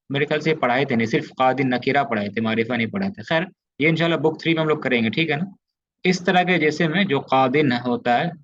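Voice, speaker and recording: A man from India teaches an Arabic grammar lesson in an online class, explaining patiently and often checking that his students are following. His voice is medium-pitched with a fairly bright tone. The highs are cut off, and there's a bit of hiss or hum.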